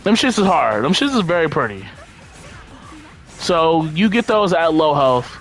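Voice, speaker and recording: A man giving casual gameplay commentary in a laid-back, slangy, profane way, rambling and thinking out loud as he plays. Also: on the high side, very animated, a little slow, soft background music. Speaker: game streamer.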